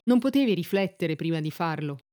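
A man's voice: a little high, animated, fairly quick, a little mellow, no echo, clean studio sound, lightly acted. A woman voicing a poor, earnest peasant man who protects his sister, stammering when upset, in a read-aloud story.

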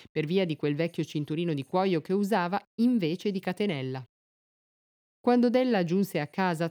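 A woman narrating a story aloud in a measured, expressive audiobook reading. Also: fairly low pitch.

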